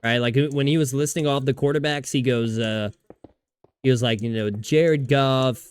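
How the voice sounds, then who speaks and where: A man's voice: mid-range voice, fairly even intonation, normal speed, clear, resonant tone. A man streaming a video game, chatting casually with viewers in a rambling way, swearing often and restarting his sentences. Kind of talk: casual livestream chat while gaming.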